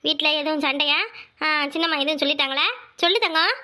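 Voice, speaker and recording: A performer voicing a blunt older sister-in-law who scolds and mocks in a lower tone. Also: steady tone, fast, pushed and bright. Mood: suspicious. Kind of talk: Tamil family drama voiceover.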